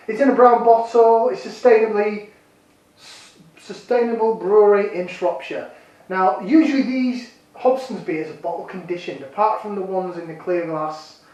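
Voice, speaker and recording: Man, jokey beer reviewer, high-pitched, sounds set back from the mic. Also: dark tone, very echoey, far from the mic, muffled recording. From Yorkshire, England. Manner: chatty, jokey, self-deprecating. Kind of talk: casual vlog review.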